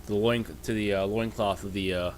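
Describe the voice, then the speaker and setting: A man narrating as game master of a tabletop game, halting and full of fillers. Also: on the low side, fairly even intonation, a little hiss or hum. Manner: halting, many fillers and restarts.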